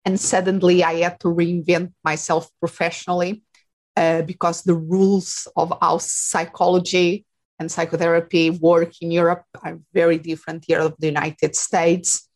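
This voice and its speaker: A Portuguese woman speaks English with a Portuguese accent, answering interview questions as a life coach in a casual interview. She is reflective, with frequent fillers and restarts. Her voice is on the low side and darkish, with a flat delivery at normal speed.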